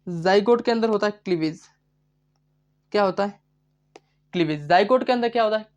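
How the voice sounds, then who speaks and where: A man's voice: high-pitched, a little fast, highs cut off. A male biology teacher in a live online class, talking in a chatty way. He keeps asking the class questions and then answers them himself, repeating each key term several times. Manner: chatty, addresses students as bhai.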